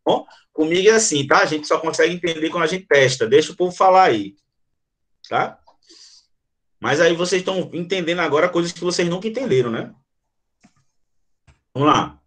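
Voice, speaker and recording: A man with a somewhat high voice teaches a live online lesson. He models the sounds aloud as he explains them and often pauses to check that his viewers are following. He also answers their comments as they arrive. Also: lively intonation, a bit bright. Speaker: Portuguese teacher.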